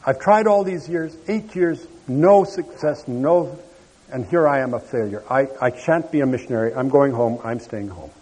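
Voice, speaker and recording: A man's voice: mid-range voice, moderate pace, a little mellow, close to an everyday voice. A man voicing a despairing middle-aged male missionary who pleads and reproaches himself. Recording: long reverb of a large hall.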